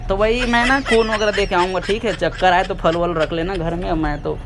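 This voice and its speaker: A man with a high voice talks casually and boastfully into a phone. Very loud background noise nearly drowns him out. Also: fairly even intonation, fairly quick.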